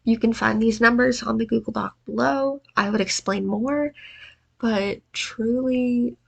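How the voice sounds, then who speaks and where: A fairly high-pitched, gravelly, husky voice with fairly even intonation and a slightly slow pace belongs to a woman presenting a video editing tutorial. Allergy congestion and exhaustion come through as she narrates casually, joking at her own expense.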